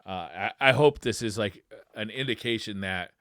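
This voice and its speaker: Talking games with enthusiasm, this podcast co-host keeps things casual and adds commentary as he goes. He has a lowish, slightly bright voice at a moderate pace, captured in studio quality with no echo.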